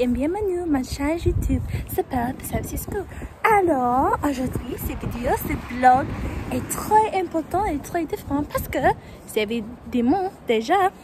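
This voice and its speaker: An American woman, a native English speaker, talking casually in a travel vlog, speaking halting learner's French and correcting herself often. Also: very high-pitched, noisy background. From United States. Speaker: travel vlogger. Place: outdoors on city streets.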